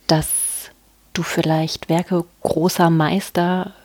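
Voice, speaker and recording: A woman's voice: on the low side, flat delivery, slow pace, darkish tone, no room sound. A woman hosting a podcast interview, asking curious, encouraging questions. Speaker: podcast host. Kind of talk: casual interview.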